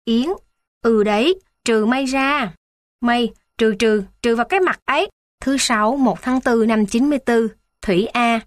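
A woman reading aloud old class diary entries in a calm, lightly amused way. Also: on the high side, moderate pace, no room sound, studio quality.

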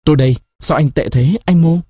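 A man's voice: fairly high pitch, fairly quick, mellow, dry recording, clean studio sound, lightly acted. A man voicing a timid young village girl who pleads tearfully with her lover. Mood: reproachful.

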